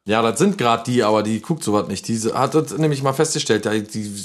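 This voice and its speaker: A man's voice: medium pitch, a little fast. A man co-hosting a comedy podcast, rambling in casual joking chat. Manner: rambling, restarts often. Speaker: podcast co-host.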